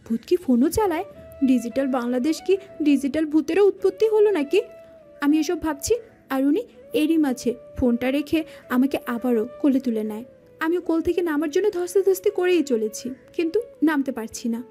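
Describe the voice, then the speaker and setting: A woman narrating a romance audio drama in the first person, telling it in a lively manner. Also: high voice, normal speed. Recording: faint background music.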